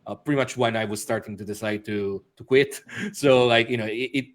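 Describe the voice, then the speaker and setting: Halting, soft-spoken male interview guest. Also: medium pitch, fairly even intonation. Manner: halting, many restarts and fillers, laughs often. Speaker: interview guest, author and musician. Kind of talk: casual interview talk.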